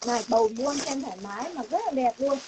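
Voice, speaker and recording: Speaking fast in a high voice with a Northern Vietnamese accent, a young adult clothing seller livestreams a sale from an indoor room full of stock. Casual banter with viewers blends with insistent selling, repeated lines, and emphatic promises, all over obvious noise on her phone recording.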